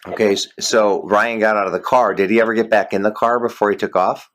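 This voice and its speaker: Deep-voiced hesitant male interviewer. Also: steady tone, brisk, fairly bright tone, slight background noise. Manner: hesitant, stumbling questions. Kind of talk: phone interview.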